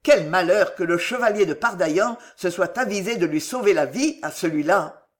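A woman's voice: on the low side, animated, moderate pace, close to an everyday voice. Casting: woman voicing a stoic little dwarf man, grave and restrained, for a storybook. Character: male dwarf, frail but iron-willed, impassive. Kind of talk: audiobook character reading.

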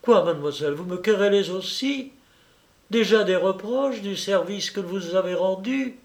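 A man's voice: high-pitched, lively intonation, moderate pace, pitched above the performer's own voice. A man reading aloud, voicing a scheming aristocratic mother who speaks with false sweetness and irony. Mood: ironic. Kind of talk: audiobook character voice.

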